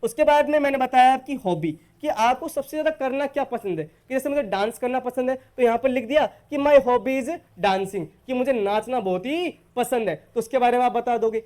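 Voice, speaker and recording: A man from Rajasthan teaching spoken English in a recorded online lesson. He is patient, calls his students "beta" and says the English model phrases slowly. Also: very high-pitched, a little mellow, clean tone. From Rajasthan, India.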